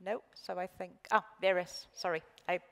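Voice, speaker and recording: Low, gravelly middle-aged woman moderating. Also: steady tone, moderate pace. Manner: warm, polite thanking and linking speakers. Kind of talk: panel moderation. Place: conference stage in a large hall. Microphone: headset. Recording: long hall reverb.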